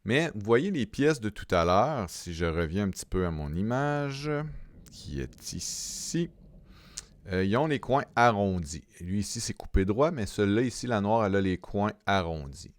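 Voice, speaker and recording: A man with a Québécois French accent talking through a software tutorial step by step, halting often with fillers and repeated words. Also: on the low side, animated, no echo, studio quality. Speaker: software instructor. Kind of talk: screen-recorded software tutorial.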